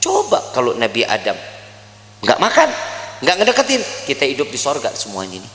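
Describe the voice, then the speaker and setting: A man's voice: mid-range voice, huge pitch swings, brisk, a bit bright. A man giving a joking sermon on marriage, talking straight to the congregation in a large hall. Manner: joking, talks straight to the crowd. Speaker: Islamic preacher. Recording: echoey hall with long reverb.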